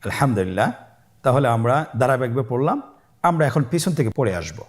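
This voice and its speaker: A man teaching beginners the Arabic letters in a recorded lesson, calmly saying each letter sound and pausing for students to repeat it. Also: medium pitch. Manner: slow, patient call-and-repeat drilling; stretches letter sounds long. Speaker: Quran teacher.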